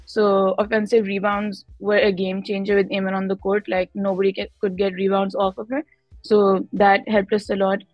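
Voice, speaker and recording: A woman's voice: medium pitch, flat delivery, moderate pace, no echo, highs cut off, faint music behind. A young Pakistani-accented woman giving conversational interview answers as a guest player, switching between Hindi-Urdu and English mid-sentence. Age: young adult. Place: indoor room, on a video call.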